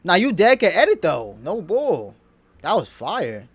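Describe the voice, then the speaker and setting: Man, streamer, very high pitch, excitable, repetitive, going hoarse. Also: unhurried. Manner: excitable, repeats himself emphatically. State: losing his voice from shouting. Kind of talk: live reaction commentary.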